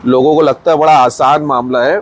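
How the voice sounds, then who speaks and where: With a steady, mid-range voice and a slightly quick pace, this Mumbai Hindi-accented man narrates a casual vlog as he walks through his outdoor farm sheds. Holding his phone, he chats away, points things out as his buffaloes feed, and slips English words into his speech.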